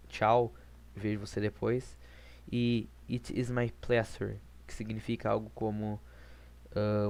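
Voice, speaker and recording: A man's voice: fairly low pitch, darkish tone, smooth. Casual man teaching a lesson. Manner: informal, self-deprecating, with restarts. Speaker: English teacher on video.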